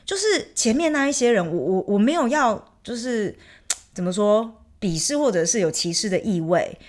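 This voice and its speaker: A young woman vlogger telling a story in casual chat, animated and indignant, acting out her arguments. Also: medium pitch, normal speed.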